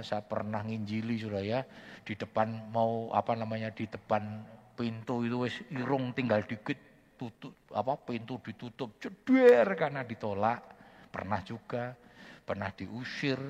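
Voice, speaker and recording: A man's voice: fairly low pitch, big-room sound. A man preaching a sermon, telling stories animatedly and often addressing his listeners directly. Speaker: pastor.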